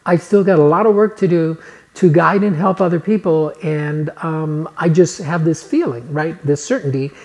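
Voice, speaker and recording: Sitting indoors on his living-room couch, a man in his fifties from Chile, a personal coach, tells a personal story in an earnest motivational talk to camera. He speaks at a normal speed in a fairly high voice with a darkish tone, gesturing with his hands, captured on a lapel mic.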